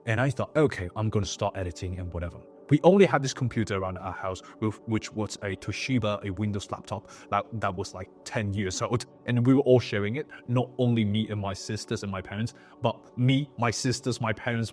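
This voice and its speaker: Earnest young man telling a story. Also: lowish voice. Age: 20s. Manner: earnest, animated storytelling with acted-out quotes. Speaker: YouTuber. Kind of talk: storytelling vlog monologue. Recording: faint background music.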